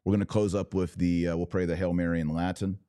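The host of a religious podcast talks quickly and flatly in a deep, mellow voice, yet his address to viewers is earnest and emphatic, like a preacher's. His live commentary includes exhortation and prayer, captured in clean studio sound with no echo.

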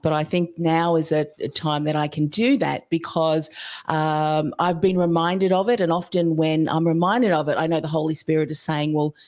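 A woman's voice: deep voice, a little mellow. A woman hosting a podcast, talking in a reflective way and searching for her words. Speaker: podcast host. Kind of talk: casual interview chat.

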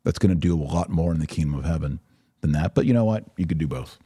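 A male podcast host with an extremely low, dark, breathy voice talks fast and expressively, offering casual religious commentary and answering listeners. His conversational, emphatic style includes acting out imagined exchanges, and the studio-quality audio has no echo.

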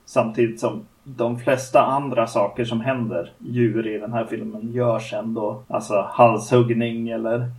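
A man's voice: mid-range voice, little pitch movement, hardly any pauses, a little mellow, far from the mic, poor audio. A man co-hosting a podcast, casually talking through a film, with loose fillers and restarts. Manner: conversational, many fillers and restarts. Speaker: podcast co-host.

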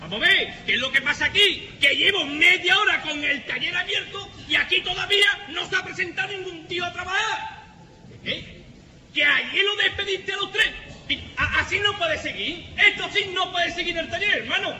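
A man playing a shouting workshop boss. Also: very high voice, normal speed, in a large hall, a little hiss or hum, heavily acted. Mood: bossy. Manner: loud and insistent, often shouting. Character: bossy, shouting male workshop owner. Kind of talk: comedy sketch at a live gala.

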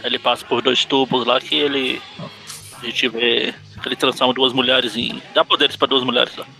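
A man's voice: flat delivery, gravelly, pushed and bright, faint music behind, rough recording. A man co-hosting a casual comic book review podcast, joking and acting out character lines. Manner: jokey, acts out character lines in quick high voices. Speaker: podcast co-host.

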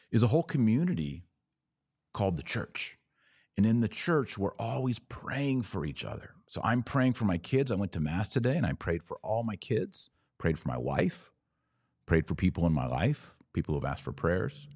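This religious podcast host answers viewer comments live, making his apologetics case in short, emphatic declarations. The voice sits low and a little mellow with a breathy edge, captured as clean studio sound without echo.

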